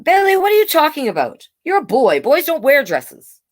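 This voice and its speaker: A woman's voice: high-pitched, wildly swooping pitch, normal speed, voice pushed up. Woman acting a curt, scolding storybook parent. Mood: irritated scolding. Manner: curt, firm, impatient. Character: dismissive, stern parent scolding a child. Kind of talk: children's storybook read-aloud.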